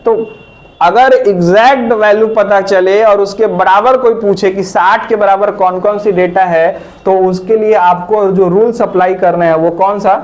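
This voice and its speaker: A man's voice: high-pitched, darkish tone. A man teaches a computer class in a classroom. He talks in a chatty way, teases his students, and keeps turning questions back to them. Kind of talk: live classroom lesson.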